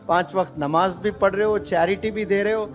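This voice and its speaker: A man's voice: high-pitched, fairly even intonation, faint music behind. A male preacher giving an earnest sermon, putting rhetorical questions to young people.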